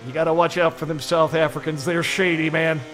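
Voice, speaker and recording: A man calling a sim racing event as play-by-play commentator, excitable and quick to exclaim. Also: fairly high pitch, faint music behind.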